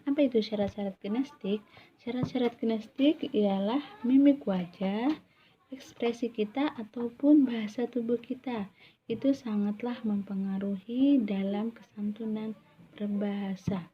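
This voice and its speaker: Young woman student presenting class material, steady and explanatory, recorded on a dull lo-fi mic with faint noise. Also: a little high. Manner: measured, explanatory, with self-corrections.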